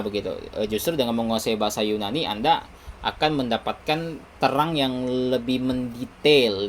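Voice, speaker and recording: A man's voice: mid-range voice, slight background noise. A male preacher giving a Bible teaching sermon, emphatic, often closing his phrases with a short tag word. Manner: emphatic, repeats "begitu" to close phrases.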